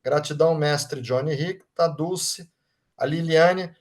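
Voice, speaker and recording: This Reiki master, who has a Brazilian Portuguese accent, talks slowly in a fairly high voice while leading an online study group. Warm and relaxed, he reads out chat comments, thanks people by name, and keeps adding "right?" to his sentences.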